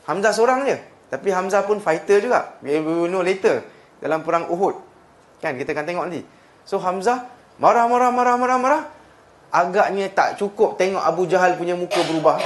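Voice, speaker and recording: A Malaysian man giving a storytelling lesson to a class, his voice pitched fairly high for a man. He mixes Malay and English as he goes and repeats words over and over to drive a point home. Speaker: religious lecturer.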